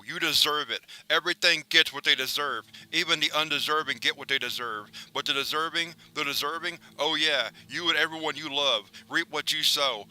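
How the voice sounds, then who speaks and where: A vicious, foul-mouthed male cartoon pelican, as a man puts him on, spitting profane taunts and menacing threats. The voice is very bright and keen-edged, clear and crisp, and pitched a little high. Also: low-quality recording. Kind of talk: horror story reading.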